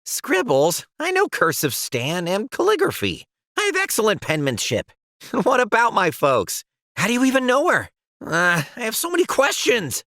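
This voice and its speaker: A man's voice: high voice, wildly swooping pitch, moderate pace, pushed and bright, no echo, studio quality, full character voice. An actor playing a shy, self-doubting young male pen in a cartoon, stammering and anxious. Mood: nervous. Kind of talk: animated cartoon voice acting.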